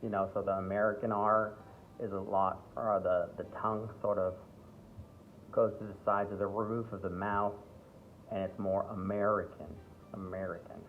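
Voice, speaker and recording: Low-voiced man teaching acting over a tinny line. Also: moderate pace. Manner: relaxed, repeats words, often checks in with "okay?" and "right?"; breaks into playful accent demonstrations. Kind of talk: acting workshop lesson. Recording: tinny phone-like sound with faint background hiss.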